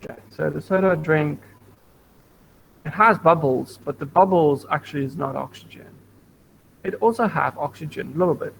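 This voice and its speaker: Over an online video call, a man teaches a science lesson to a primary school class, patiently repeating points and asking the class questions. His fairly bright voice sits on the high side with creakiness, a moderate pace, and frequent pauses. The computer mic gives a low-quality recording with slight background noise.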